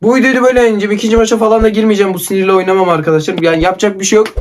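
A man narrates his own mobile football match over the gameplay, his voice sitting high for a man. He fires off player names in short bursts and rants in exasperation at his opponent's play. His frustration spills into swearing and complaints. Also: steady tone, rapid-fire, slight background noise. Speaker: mobile football gaming YouTuber. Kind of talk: live gameplay commentary.

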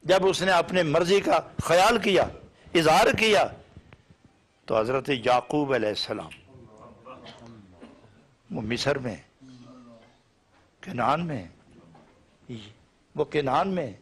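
A man's voice: on the high side, animated, long pauses, slight background noise. A man from Pakistan preaching a sermon lesson, speaking in rhythmic lists of short repeated phrases and pressing his points with emphatic rising questions. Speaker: Sufi preacher.

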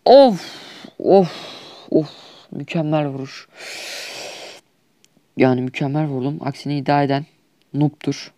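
A man's voice: fairly high pitch, flat delivery, unhurried, long pauses, dark tone, no room sound, clean studio sound. A young man with a Turkish accent, trash-talking over mobile shooter gameplay in a whiny, exasperated comedic skit. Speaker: gaming YouTuber.

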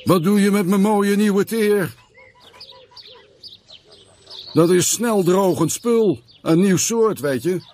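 A man voicing a cheerful, capable male village builder who talks briskly and confidently in a cartoon. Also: high-pitched, a little mellow, slight background noise, voice pushed up. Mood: indignant.

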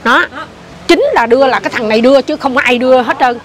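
An older woman, telling a ghost story in casual chat, animated and repetitive. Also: high-pitched, fast talker. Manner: animated, repeats herself, points things out.

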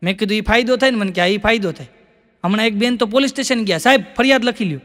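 High, bright-voiced Gujarati comic storyteller. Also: male voice, rapid-fire. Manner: acts out both sides of each joke, often repeating lines for effect. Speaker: stand-up comic. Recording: long hall reverb.

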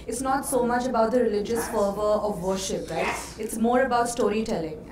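A woman interviewer asking long, chatty questions with plenty of fillers. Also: a little high. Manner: chatty, many fillers and agreeing yeahs. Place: festival lounge, indoors. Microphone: handheld mic. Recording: echoey room with crowd chatter. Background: crowd murmur.

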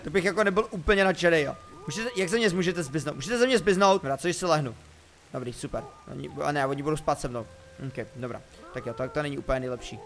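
A young man giving excitable, joking let's play commentary, breaking into sudden loud exclamations. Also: sits high. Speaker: gaming youtuber.

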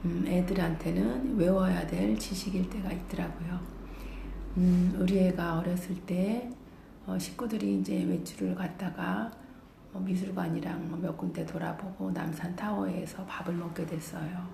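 Middle-aged woman telling a story, gravelly mellow voice, does the kids' voices, echoey room, bit of hiss. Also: fairly low pitch, normal speed. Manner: animated, acts out children's voices. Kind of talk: personal anecdote telling. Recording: echoey room, faint noise.

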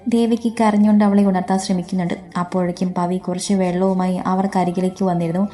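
A woman reading a story aloud as narrator in a steady, even way. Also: on the low side, fast talker.

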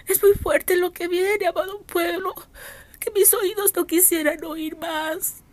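Woman preacher, high voice, dry close self-recorded audio, pleading and insistent. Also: fairly even intonation, slow, darkish tone, no echo. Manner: fervent, pleading, repeats appeals. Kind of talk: recorded prophetic exhortation. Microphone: self-recorded audio message.

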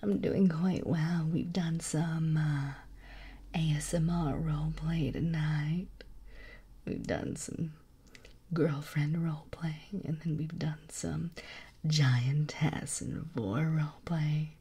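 Soft slow whispery lady streamer, mellow tone, sweet with her chat. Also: deep voice, fairly even intonation, breathy edge. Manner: gentle, affectionate, reads chat aloud. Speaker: ASMR streamer.

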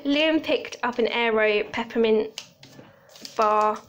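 A woman's voice: a little high, a little hiss or hum. Chatty young British woman showing groceries. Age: 20s. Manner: chatty, unhurried, listing items with small asides. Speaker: vlogger. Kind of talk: casual grocery haul chat. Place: home kitchen, indoors.

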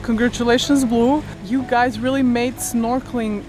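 French woman, casual vlog host, high and chatty, music bed under her. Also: moderate pace. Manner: chatty, excitable, with fillers. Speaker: sailing vlogger.

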